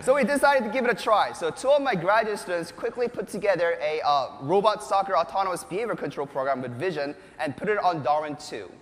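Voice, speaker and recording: This man's voice is high and quick, with few pauses. He's a robotics researcher in his thirties, an enthusiastic, animated showman presenting a live keynote tech demonstration on a big indoor conference stage, captured by a lapel mic amid the long reverb of an echoey hall.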